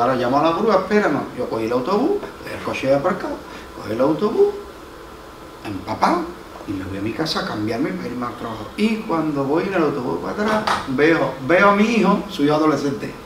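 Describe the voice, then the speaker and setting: A man's voice: a little high, big pitch swings, fairly quick. A man with an Andalusian Spanish accent, a pastor preaching a sermon, telling a story and acting out the voices in it, repeating his key lines for emphasis. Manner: storytelling, acts out quoted voices, emphatic repetition. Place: church hall. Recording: roomy, from far off, faint noise.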